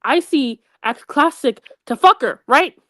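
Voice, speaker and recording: Chatting casually among friends, a young woman spins lively gossip laced with slang and side comments. She speaks slightly slowly in a high-sitting voice, and the studio recording is clean and dry.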